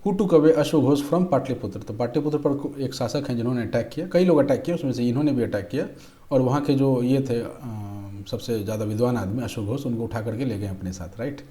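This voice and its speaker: A young man works through exam questions like a patient tutor, reading each option aloud. His voice is mellow and warm, pitched in a middle range. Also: fairly quick. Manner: patient, repeats "ठीक है", reads options aloud. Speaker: exam-prep teacher. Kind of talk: explaining quiz questions.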